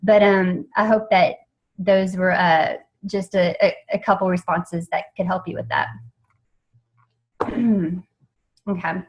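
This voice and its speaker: A woman's voice: on the low side, fairly even intonation, slow pace, long pauses, dull audio. A young woman leading an informal team training in an eager, chatty way, with lots of fillers and restarts. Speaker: network marketing team trainer.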